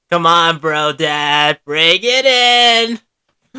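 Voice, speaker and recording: A woman puts on a goofy young male cartoon mammoth who whoops and laughs at everything. His voice swings wildly up and down, sounding bright and eager, and he talks like a chummy bro. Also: on the low side, smooth, pitched below the performer's own voice, exaggerated voice. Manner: giddy, laughing, bro-ish.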